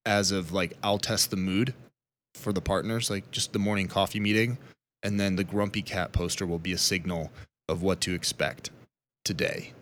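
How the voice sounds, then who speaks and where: A man's voice: deep voice, steady tone, moderate pace, fairly bright tone, slight background noise. A man chatting casually as a podcast co-host, teasing and self-deprecating.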